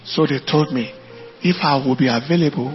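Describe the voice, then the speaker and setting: A man with a Nigerian accent and a fairly high voice preaches a little fast, telling anecdotes and hammering points home through emphatic repetition. It's an animated sermon, declaimed to a congregation. The sound is lo-fi, with faint music behind.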